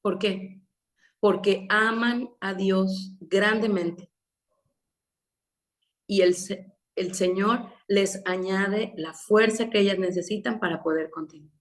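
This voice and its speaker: A woman's voice: mid-range voice, steady tone, takes it slowly. A woman with a Mexican accent preaching a sermon at a women's meeting, telling a story in a conversational way with many rhetorical questions.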